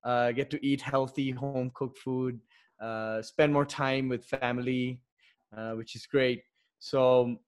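A man who grew up in India and Singapore, a podcast guest talking fluently and laughing easily. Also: medium pitch. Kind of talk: casual podcast chat.

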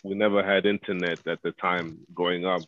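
A man's voice: low voice, flat delivery, brisk, a little hiss or hum. A man from Zambia, a former basketball player, answering interview questions in a rambling way with many fillers. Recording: phone-like call audio.

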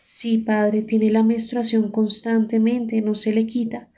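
A woman's voice: a little high, level tone, takes it slowly, warm tone. A woman reading an anxious pleading mother. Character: worried middle-aged mother pleading with a priest. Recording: dull muffled recording.

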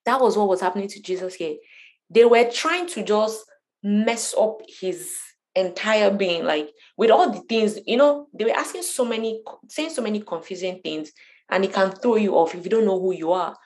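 A woman's voice: medium pitch, moderate pace, darkish tone, poor audio. A woman leading a casual bible study teaching, conversational and emphatic, often repeating phrases to drive a point home.

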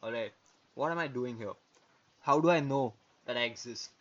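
A man's voice: mid-range voice, normal speed. A man co-hosting a podcast in a casual philosophical discussion, speaking hesitantly with frequent tag words like yeah and okay. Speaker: podcast co-host. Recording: muffled lo-fi audio with background noise.

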